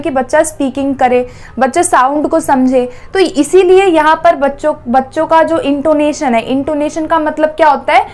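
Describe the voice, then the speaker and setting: A woman's voice: high voice, a little mellow. A young woman giving an exam-prep lecture, explaining step by step in Hindi mixed with English terms and asking and answering her own questions. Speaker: teacher.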